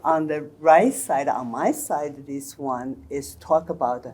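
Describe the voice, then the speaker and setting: A woman's voice: sits low, takes it slowly, a little mellow. An older woman from China and Taiwan, a guest explaining traditions in careful, storytelling conversation. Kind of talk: conversational interview.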